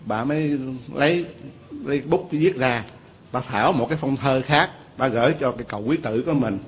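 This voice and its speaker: A man's voice: medium pitch, a little fast, a little hiss or hum. A man with a Southern Vietnamese accent, a Buddhist monk giving a sermon, telling stories and often asking the audience questions.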